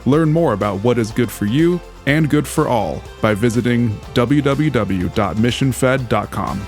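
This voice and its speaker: A male announcer reads a scripted show opening and sponsor message in a polished voice. His pitch is mid-range. Soft music plays underneath. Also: normal speed. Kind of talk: scripted intro and sponsor read.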